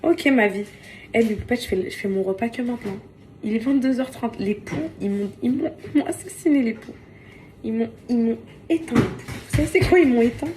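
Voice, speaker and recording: A woman's voice: fairly high pitch, a little fast, dark tone, a little hiss or hum. A tired young woman in casual vlog chat, venting and exasperated, often repeating herself. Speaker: vlogger. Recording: household clatter behind.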